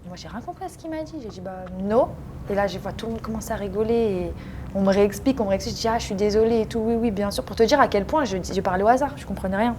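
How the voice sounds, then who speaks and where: A young woman from France in her twenties, a guest in a casual interview, telling stories with lively energy and acting out other people's lines. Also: medium pitch, quick pace, a little hiss or hum. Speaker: interview guest, professional footballer.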